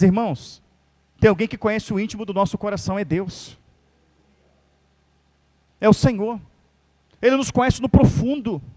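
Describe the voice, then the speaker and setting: A man with a Brazilian accent, a pastor preaching a fervent live sermon directly to his church congregation. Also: very high-pitched. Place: church service.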